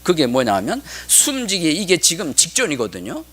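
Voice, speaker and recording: A male pastor preaching a sermon, asking the congregation questions and answering himself. He reads scripture in a raised, slowed voice and drops to a whisper for emphasis. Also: fairly high pitch, wildly swooping pitch, a bit bright.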